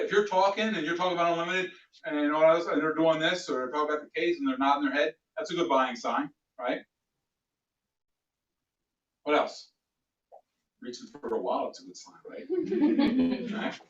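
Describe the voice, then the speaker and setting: Male sales trainer, fairly high voice, roomy and distant, dull recording. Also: normal speed, pauses often. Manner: animated, plays out customer dialogues. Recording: echoey room, distant mic, dull sound.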